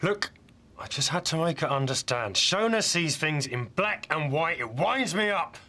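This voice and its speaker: An actor playing a defensive British man under police questioning in a TV drama, halting, emotional and pleading. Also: fairly high pitch, animated, bright, forceful tone. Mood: agitated, pleading. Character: male suspect, defensive, agitated, pleading.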